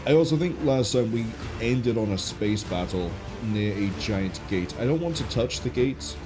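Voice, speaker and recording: This streamer's voice sits on the low side and comes out animated at an ordinary pace. Stuffy-nosed and clearly unwell, he thinks out loud in casual commentary while game music runs in the background.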